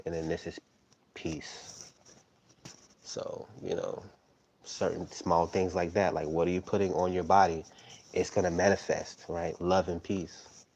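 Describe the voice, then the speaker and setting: A man's voice: low voice, level tone, unhurried, gravelly, pauses often, darkish tone, slight background noise. A man in his thirties hosting a tarot live stream, rambling casually and tagging his points with "right?". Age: 30s. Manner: rambling, tags sentences with "right?".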